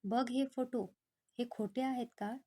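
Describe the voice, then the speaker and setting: A woman's voice: on the high side, fairly even intonation, a little slow, dark tone. A woman voicing a stern, wealthy older father who speaks scornfully and accuses.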